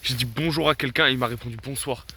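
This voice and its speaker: A man's voice: mid-range voice, steady tone, fast, sharp tone, a little hiss or hum. A young man, chatting casually to his viewers in a self-mocking way and laughing often. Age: late teens. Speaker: vlogger. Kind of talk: casual vlog chat.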